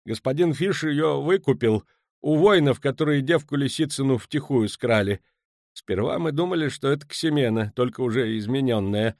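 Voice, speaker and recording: A man voicing a frightened, pleading merchant who turns shrill and high-strung. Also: expressive, normal speed, a little mellow, dry recording, studio quality, natural voice. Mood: sheepish.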